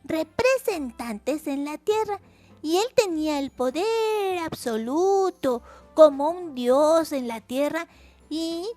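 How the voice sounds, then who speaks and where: A woman's voice: sits high, animated, slow, mellow, soft background music. A woman hosting a simple history lesson for children in a sing-song, chatty way, repeating words for emphasis. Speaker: educational video channel host.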